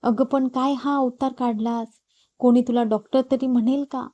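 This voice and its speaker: A sharp-tongued, envious young woman, as a female storyteller puts her on, sneering in an audiobook story. The voice is a bit high, yet mellow in tone. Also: steady tone, moderate pace, dull audio, natural voice. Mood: scornful. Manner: scornful, teasing.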